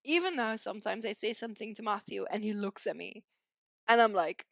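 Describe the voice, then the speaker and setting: A woman's voice: medium pitch, fairly quick, gravelly, fairly bright tone, no room sound. A young woman from Belgium, a native Flemish speaker with a slight Irish twang, chatting casually as a podcast guest and filling her talk with "like" and "you know".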